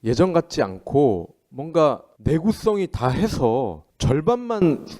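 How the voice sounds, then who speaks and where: Mellow-voiced male co-host with lively pitch. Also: slow. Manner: joking, wry. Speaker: co-host and producer. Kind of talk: casual chat, short reactions.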